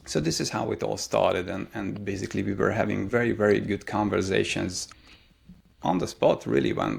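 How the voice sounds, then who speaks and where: A low-leaning voice with vocal fry and a touch of roughness belongs to a Hungarian man in his thirties. He's a career mentor and interview guest, speaking English with a Hungarian accent and answering thoughtfully, full of hesitations and fillers.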